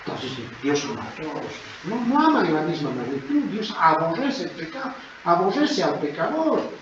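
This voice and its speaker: A man preaching a sermon in a church, emphatic and dramatic, dropping to soft asides and rising to loud exclamations. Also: a little high, sing-song, normal speed. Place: church hall. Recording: echoey church, dull lo-fi sound, noisy.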